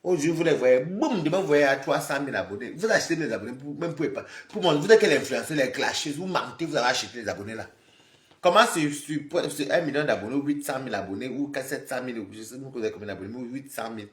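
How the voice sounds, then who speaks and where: A man live streaming, scolding and lecturing his viewers in an animated, repetitive rant. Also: medium pitch, fast, roomy sound. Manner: scolding, animated, repeats himself, talks straight to viewers.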